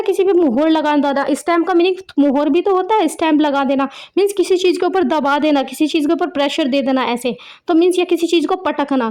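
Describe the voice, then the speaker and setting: Teacher type: woman, high bright voice, patient explainer for small kids, keeps asking and answering her own questions. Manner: explains in Hindi mixed with English words, asks herself questions. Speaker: English teacher for young children. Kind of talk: explaining a children's rhyme.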